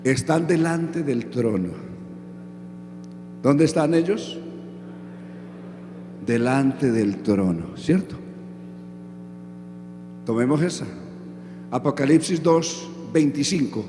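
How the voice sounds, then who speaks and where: A man's voice: mid-range voice, animated, slow pace, pauses often, noisy background. A man preaching a sermon who keeps asking the audience questions and then answers them himself. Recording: echoey hall with music underneath.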